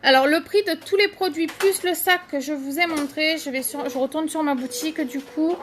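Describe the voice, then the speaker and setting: A woman's voice: sits high, moderate pace, fairly bright tone. A woman hosting a casual live stream, chatting to viewers by name and showing makeup products, with many fillers.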